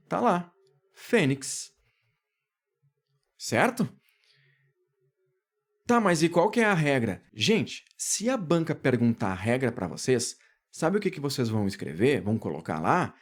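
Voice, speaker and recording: Brazilian male teacher, exam-prep lesson, very animated pitch, drags out key words slowly. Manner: lively, questions students and answers himself.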